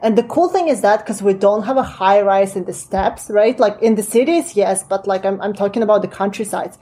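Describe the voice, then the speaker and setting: A woman's voice: medium pitch, fairly quick, dark tone. A woman in her late twenties from Kazakhstan with a Russian accent, a native Russian speaker, chatting as a podcast guest in a friendly way with many fillers and restarts. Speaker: guest entrepreneur. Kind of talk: casual interview chat.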